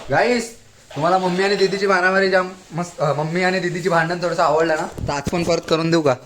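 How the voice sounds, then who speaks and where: A man's voice: sits high, steady tone, fast, fairly bright tone, a little hiss or hum. A man hosting a casual family vlog at home, chatting and teasing, talking to viewers as guys.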